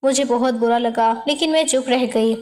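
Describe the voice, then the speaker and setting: A woman telling a first-person story in scripted narration, with an even, measured delivery. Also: on the high side.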